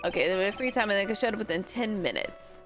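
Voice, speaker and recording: A woman reading courtroom game dialogue aloud in deliberately bad, hammy amateur acting, stumbling over words. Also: medium pitch, animated, over music.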